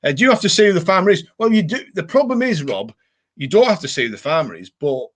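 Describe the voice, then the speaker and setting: A fast-talking, very animated livestream host from Cumbria, England, speaks with a Cumbrian accent in a fairly high voice. He casually chats and answers viewer comments, rambling along and repeating his catchphrases.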